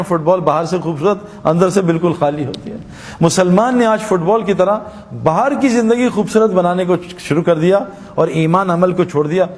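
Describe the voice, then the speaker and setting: A man's voice: high voice, a little mellow, big-room sound. A man preaching a sermon, telling stories and acting out their dialogue in an earnest manner. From Pakistan. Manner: storytelling, earnest, acts out dialogue.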